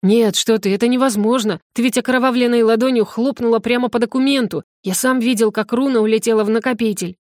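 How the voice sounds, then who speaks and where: A woman's voice: fairly high pitch, steady tone, quick pace, few pauses, darkish tone, no echo, studio quality, close to an everyday voice. A woman voicing an easygoing young male student.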